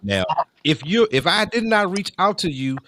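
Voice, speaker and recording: A man's voice: high-pitched, big pitch swings, normal speed, pushed and bright, a little hiss or hum. A man casually hosting a talk show and introducing guests in an informal, conversational way.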